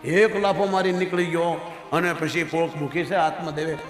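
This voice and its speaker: A man telling a devotional story as a sermon, in an animated way and acting out the characters' voices. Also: fairly high pitch, moderate pace, echoey room, long reverb tail, faint music behind. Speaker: religious storyteller.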